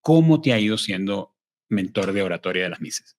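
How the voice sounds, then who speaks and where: A man with a fairly low voice hosts a podcast interview. He builds long questions by listing background details before he asks them. His delivery is measured and conversational. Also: animated.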